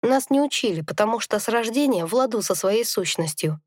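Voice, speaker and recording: A woman narrating a first-person fantasy audiobook in a calm, reflective storytelling manner. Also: on the high side, fairly quick, no echo, studio quality.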